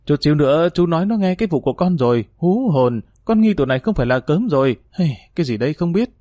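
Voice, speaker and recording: Jittery young lackey, hurried and high, man reading it, dry studio sound. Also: expressive, mellow, no room sound, lightly acted. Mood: panicky. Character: panicky young male street lackey.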